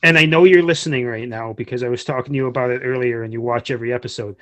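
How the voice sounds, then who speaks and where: Man, mid-pitched voice, casual podcast banter, blunt, swears a lot. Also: fairly even intonation, very fast, a bit bright. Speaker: podcast co-host. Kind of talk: casual sports chat.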